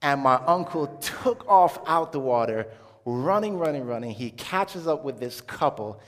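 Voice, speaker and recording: Speaking at a measured pace in an animated, mid-range voice, a man shares his religious testimony with an audience, casually recounting his story while frequently groping for words. Originally from Jamaica, he grew up in Brooklyn, New York. Long reverb fills the echoey hall.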